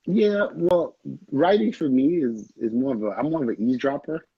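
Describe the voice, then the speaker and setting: In a casual video call interview, a young Haitian film director rambles and laughs often, his fairly high, breathy-edged voice at a moderate pace. The recording is dry, with dull lo-fi audio.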